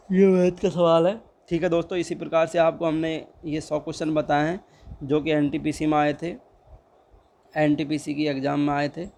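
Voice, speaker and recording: A man's voice: on the high side, vocal fry, darkish tone. A young man tutoring exam questions in a casual, chatty way, repeating each answer and urging viewers to like and subscribe. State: dry throat.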